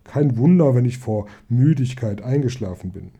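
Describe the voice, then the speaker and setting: Grumpy old elf cellarman, read by a man, gruff and grumbling, storybook reading. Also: medium pitch, expressive, normal speed, mellow.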